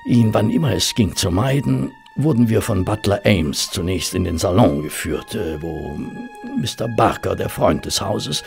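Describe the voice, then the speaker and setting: An actor playing Dr. Watson, a genial English physician telling of a detective case in a German radio drama. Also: male voice, lowish voice, expressive, moderate pace, gravelly, hardly any pauses, darkish tone, faint music behind. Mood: grave, wry.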